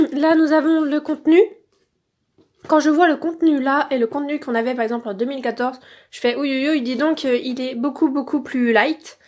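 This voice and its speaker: A woman's voice: high-pitched, steady tone, brisk, darkish tone. A woman casually reviewing toys as she unboxes them, filled with "donc" and "euh", recorded on a phone held in one hand. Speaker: toy reviewer.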